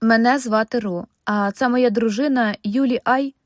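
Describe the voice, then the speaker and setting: A woman voicing a bossy, excitable young expectant woman who speaks shrilly in an audiobook. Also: fairly high pitch, normal speed, dry recording, clean studio sound, lightly acted. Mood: shrill.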